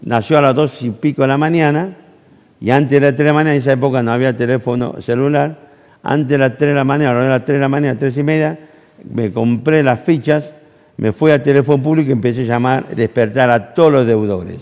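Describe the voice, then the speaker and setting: Argentine pastor in a reverberant hall. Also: male voice, mid-range voice, fairly quick. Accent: Argentine Rioplatense Spanish. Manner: animated storytelling, acts out dialogue, asks the audience questions. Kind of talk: sermon with personal anecdote. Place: church camp hall.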